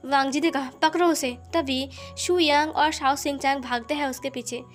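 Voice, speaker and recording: Woman telling a fan story, pretty high voice, acts the quotes out louder, soft music behind. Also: fairly even intonation, moderate pace. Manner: reads quoted lines with raised pitch and force. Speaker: fanfiction narrator. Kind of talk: storytelling narration with acted dialogue.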